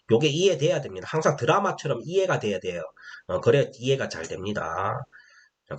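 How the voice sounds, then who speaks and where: A man's voice: mid-range voice, slightly rough. A man teaching a classical text to a camera, asking his listeners frequent rhetorical questions as he explains. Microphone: camera-facing recording.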